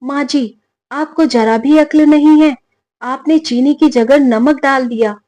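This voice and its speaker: A woman voicing a shrill scolding young wife. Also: takes it slowly, dry recording. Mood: angry scolding. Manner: scolding, shrill when angry. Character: sharp-tongued young wife, scornful to her mother-in-law.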